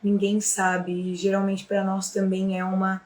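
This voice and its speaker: A woman's voice: mid-range voice, completely flat delivery, measured pace, a little mellow. A Brazilian woman with a Brazilian Portuguese accent teaching in a chatty, casual way, often adding little tag questions and fillers. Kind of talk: casual explanatory lesson. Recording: echoey room.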